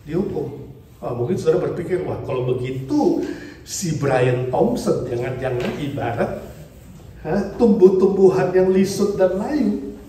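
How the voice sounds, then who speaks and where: A middle-aged man preaches with a fairly high voice, alternating loud emphatic lines with hushed low ones. He poses questions to his congregation and answers them himself. The sound is very echoey and distant, with faint room noise behind. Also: expressive, measured pace. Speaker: pastor. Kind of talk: sermon. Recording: very echoey hall, heard from a distance.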